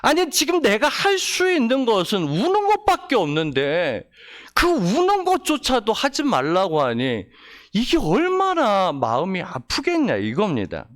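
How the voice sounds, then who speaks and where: A man preaching a Sunday sermon with emotion, using rhetorical questions and dropping from soft, low lines to raised, higher ones. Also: huge pitch swings, a little slow. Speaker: pastor. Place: church service.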